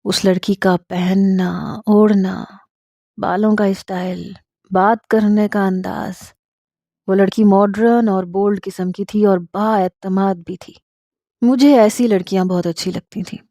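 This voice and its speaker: Mellow woman narrating a love story. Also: mid-range voice, steady tone, no room sound, clean studio sound. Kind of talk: scripted first-person narration.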